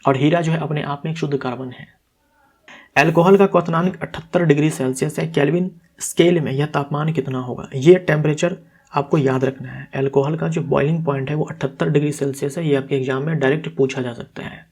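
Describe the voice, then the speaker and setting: A man's voice: on the high side, steady tone, a little fast, a little mellow, slightly rough. A man teaches exam material as a tutor. He goes through answers step by step, asking himself questions and answering them, now and then correcting a slip aloud. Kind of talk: explaining quiz answers.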